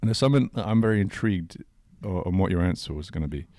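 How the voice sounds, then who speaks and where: A man's voice: low voice, expressive, quick pace, mellow, dry recording. A man co-hosting a podcast in casual chat, laughing often and restarting his sentences. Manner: laughing, stumbling restarts, slangy. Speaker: podcast co-host.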